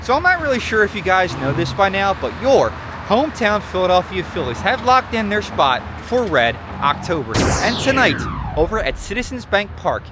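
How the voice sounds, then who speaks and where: High-pitched American showman, ringmaster-like vlog host. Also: pushed and bright. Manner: ringmaster-like showman announcing, drawn-out emphasis. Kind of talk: showy vlog introduction to camera. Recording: noisy outdoor recording with traffic ambience.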